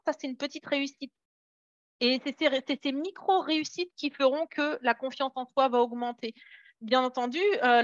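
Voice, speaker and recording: A network marketing trainer whose first language is French runs a casual motivational session for her sales team, encouraging them but hesitant, with many fillers and restarts. Her voice is high with a fairly bright tone. The audio is dull, with no room sound.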